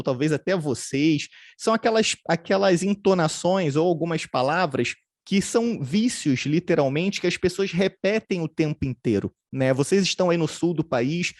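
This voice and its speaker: Man teaching in a higher voice. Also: a little mellow, no room sound, studio quality. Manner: explanatory, often adds tag questions. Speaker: customer service trainer. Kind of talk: remote training lecture.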